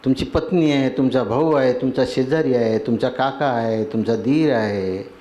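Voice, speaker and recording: A man's voice: medium pitch, normal speed, warm tone, muffled recording. A man, a spiritual teacher giving a devotional sermon. He lists terms in rhythmic runs and keeps asking his listeners whether they agree. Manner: asks the audience for agreement.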